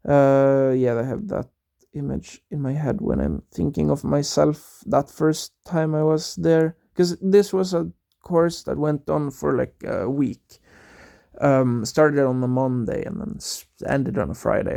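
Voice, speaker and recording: A young man with a somewhat high but dark, mellow voice tells a casual, wandering story. His delivery is unhurried and hesitant, packed with fillers and false starts. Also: vocal fry. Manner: rambling, hesitant, full of fillers and restarts. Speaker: vlogger.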